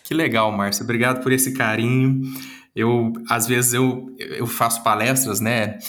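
A man from Minas Gerais, Brazil, speaking with the region's Brazilian Portuguese accent, appears as a guest psychologist and speaker, answering interview questions earnestly in a lecture-like way and rattling off long lists of words. His voice is mid-range, steady and fairly bright, and he goes a little slowly.

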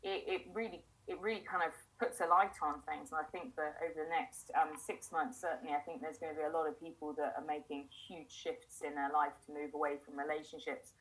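A woman's voice: low voice, steady tone, fairly quick, hardly any pauses, rough recording. A woman hosting a conversational interview, talking earnestly and emphatically, often repeating words as she builds a point. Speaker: podcast host.

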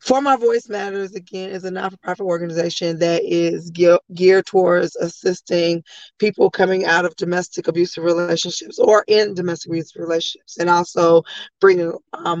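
An American woman from the Chicago area with a slightly hoarse voice, answering as a guest speaker and advocate in a conversational interview. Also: lowish voice, steady tone, a little fast, dry recording, highs cut off. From Chicago area, United States. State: a little hoarse.

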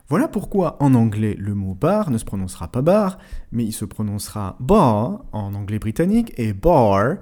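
A man explaining pronunciation in a scripted lesson, speaking directly to the listener in a clear, explanatory way. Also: mid-range voice, dark tone. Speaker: language teacher.

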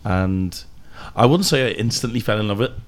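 A man's voice: on the low side, a little fast. A young man with a South Welsh accent, a guest musician chatting casually on a podcast with many ums. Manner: relaxed, hesitant with ums, laughs easily.

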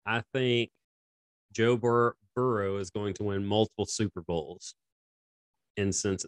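A man with a lowish voice co-hosts a sports podcast in casual chat. He laughs a lot and breaks off his own sentences. The sound is dry and close to the mic. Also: measured pace, clean tone, dry recording. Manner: laughs often, rambling and self-interrupting. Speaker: podcast co-host.

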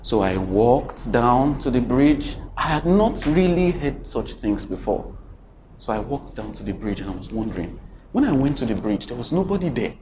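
A man preaching a sermon, dramatic, swinging between loud and hushed and asking the congregation questions. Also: mid-range voice, big pitch swings, normal speed, background noise. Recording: muffled recording with faint ambience.

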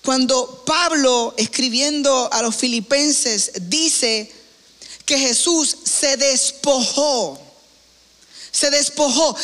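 A man preaching a sermon, retelling a story slowly and deliberately, with pauses. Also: very high voice, fairly bright tone. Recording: long hall reverb.

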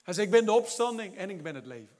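A man preaching a lively sermon, retelling a story with quick asides and laughs, then building to loud exhortation. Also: sits high. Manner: animated preaching with laughs and English phrases. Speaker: pastor.

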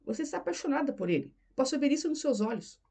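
A woman's voice: high voice, sing-song, fast talker, warm tone, voice pushed up. A woman reading as a tense, insistent husband. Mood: pressing. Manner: insistent, accusing questions. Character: tense, pressing married man, middle-aged. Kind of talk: audiobook character reading.

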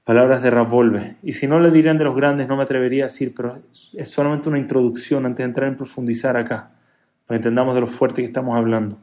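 A man teaching a religious class who tells stories in an animated way, moving between loud emphasis and soft asides. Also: mid-range voice, fast talker. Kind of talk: Torah class.

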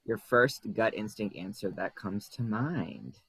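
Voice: medium pitch, sing-song, a little slow, fairly bright tone, slightly rough, no echo, low-quality recording. A podcast host asking interview questions in an upbeat, giggly way. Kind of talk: casual interview chat.

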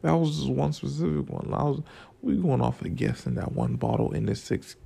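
A young male vlogger from Florida, his morning voice groggy, rambles loosely and profanely about work and money, shifting between stories and life lessons. His voice is medium-pitched, brisk, gravelly, and warm, with a breathy edge.

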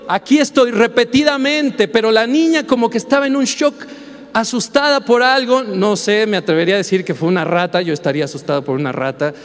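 A man preaching a sermon as pastor, impassioned and building to shouts. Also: high-pitched. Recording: long hall reverb, faint music behind.

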